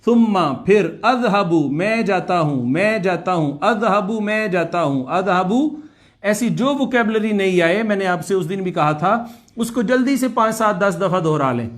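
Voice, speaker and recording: Guy teaching arabic, high voice, says each word slow and again and again. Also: lively intonation. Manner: slow, repeats Arabic words many times for drilling; explains in Urdu, asks students to repeat aloud. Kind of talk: online class lecture.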